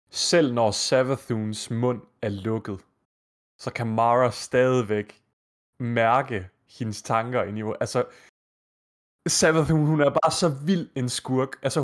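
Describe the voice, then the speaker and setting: A man co-hosting a gaming podcast, talking casually and enthusiastically, rambling through his thoughts. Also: mid-range voice. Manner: enthusiastic, quick, rambling analysis. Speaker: podcast co-host. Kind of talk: casual chat.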